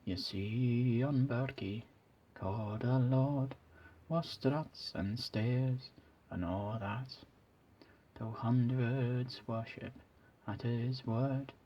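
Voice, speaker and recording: A man speaks in a hushed ASMR whisper, his voice airy and husky. He talks very slowly, letting each phrase drift out. The recording sounds dull and muffled. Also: mid-range voice. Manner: soft whispering. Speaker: ASMR YouTuber.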